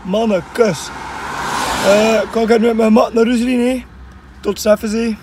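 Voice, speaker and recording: A man's voice: extremely high pitch, level tone, measured pace, noisy background. A young man from West Flanders with a West Flemish accent, chatting casually in his own vlog and tagging his sentences with little fillers. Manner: chatty, with frequent filler tags. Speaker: vlogger. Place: outdoors and at home.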